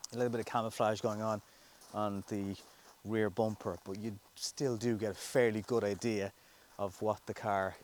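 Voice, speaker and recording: A man giving a relaxed, rambling car review with lots of fillers and restarts, first outdoors and then from inside a moving car. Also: fairly low pitch. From Ireland. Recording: noisy background.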